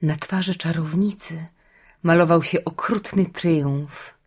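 A woman narrating an audiobook with steady, grave storytelling, sinking to a whisper at the hushed parts. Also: low-pitched, slow, husky.

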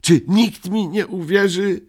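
A man's voice: high-pitched, huge pitch swings, unhurried, fairly bright tone, voice pushed up, heavily acted. A man voicing a young male troll who is indignant and desperate, pleading and stammering.

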